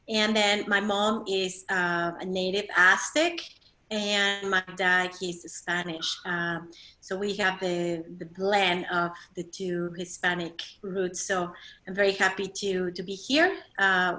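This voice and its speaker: A woman from Mexico, a winery co-owner on a virtual panel, speaking with warm, halting phrasing. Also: on the low side, level tone, rough recording.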